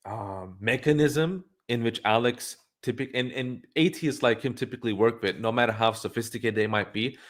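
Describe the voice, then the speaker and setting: A man's voice: medium pitch, moderate pace, hardly any pauses. A man hosting a livestream, giving blunt, opinionated commentary and thinking aloud with frequent restarts. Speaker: livestream host.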